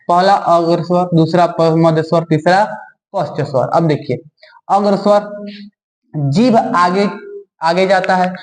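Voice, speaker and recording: A man with a high voice teaches a Hindi grammar lesson, repeating key terms and putting quick questions to the class. He draws vowel sounds out slowly and deliberately. His voice rings in an echoey classroom. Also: a little mellow.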